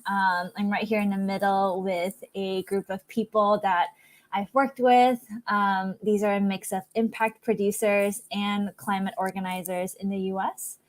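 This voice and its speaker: Talking an online audience through her slides on a video call, a Singaporean filmmaker gives an upbeat guest presentation sprinkled with ums. She speaks in a mid-range voice with a level tone, taking her time.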